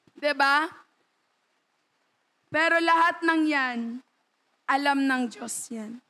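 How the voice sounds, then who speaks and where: A woman with a Filipino accent preaching a sermon in church, calling out to the congregation and acting out quoted prayers. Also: very high voice. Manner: animated preaching, calls to the congregation, acts out quoted pleas.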